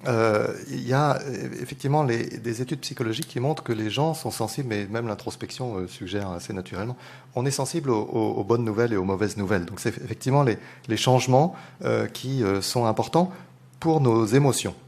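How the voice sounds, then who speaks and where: A man on a conference panel replies in a measured way, in a mid-range voice. He pauses often and fills the gaps with hesitations as he builds his argument. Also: mid-range voice, darkish tone. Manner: measured, hesitant, many fillers. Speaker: economist panelist. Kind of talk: lecture answer.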